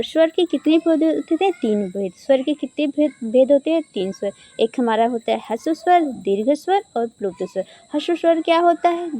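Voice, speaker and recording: High-voiced woman teaching grammar. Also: dark tone. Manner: asks and answers her own questions, drawls sounds to demonstrate. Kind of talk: exam-prep grammar lesson.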